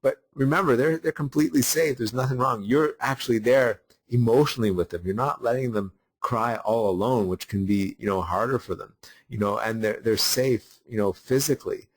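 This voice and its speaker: A man's voice: medium pitch, brisk, husky. A man hosting a parenting webinar, talking off the cuff with many fillers and restarts. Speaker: webinar host. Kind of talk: unscripted teaching talk.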